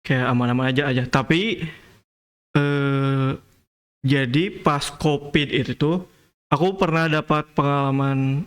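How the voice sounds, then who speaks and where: A young man from Indonesia, a podcast guest, telling of his studies abroad in a relaxed, hesitant way full of fillers. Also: mid-range voice, measured pace, long pauses, clear, resonant tone. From Tasikmalaya, Indonesia. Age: young adult. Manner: relaxed, hesitant, many fillers and "kayak gitu". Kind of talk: casual podcast interview.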